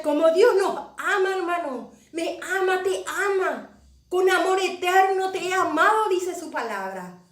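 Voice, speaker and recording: High-voiced woman pastor, echoey room. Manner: emotional storytelling, repeats phrases for emphasis. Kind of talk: testimony sermon.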